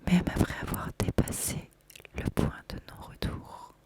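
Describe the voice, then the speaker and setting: A woman whispering a soft, measured ASMR presentation with deliberate phrasing. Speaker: ASMR host presenting an oracle card deck.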